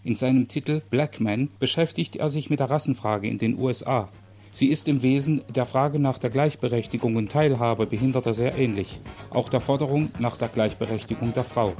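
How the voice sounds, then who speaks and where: Measured, mellow-voiced male narrator. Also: medium pitch. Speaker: radio presenter. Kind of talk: reading a story and commentary.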